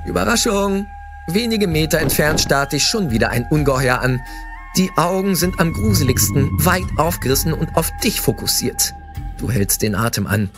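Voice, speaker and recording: A man narrating a scripted second-person story in a playful, dramatic way, with excited exclamations. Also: on the high side, moderate pace. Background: background music.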